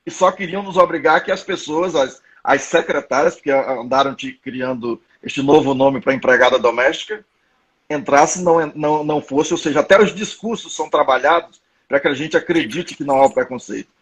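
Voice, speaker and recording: Husky Brazilian man in his fifties. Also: on the high side, a little fast, poor audio. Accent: Brazilian Portuguese. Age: 50s. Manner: conversational, anecdotal, restarts often. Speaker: live-stream host. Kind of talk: live-stream discussion.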